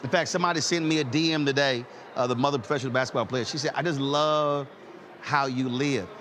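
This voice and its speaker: Fast and fairly bright in a mid-range voice, a talk show host in his fifties drives a conversational interview with personal anecdotes. He speaks emphatically, repeating words to build a point, with a little hiss or hum in the recording.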